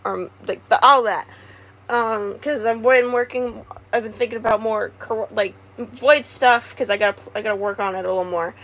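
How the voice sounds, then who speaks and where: A woman streamer in casual livestream chat, rambling and halting with many restarts. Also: on the high side, fairly even intonation, fairly bright tone.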